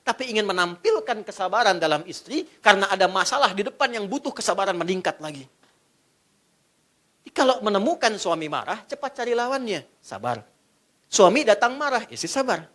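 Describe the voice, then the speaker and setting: Male preacher, middle-aged, very lively intonation, playful sermon delivery that puts questions to the listeners. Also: sits high, fairly quick. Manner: jokey, quizzes the audience.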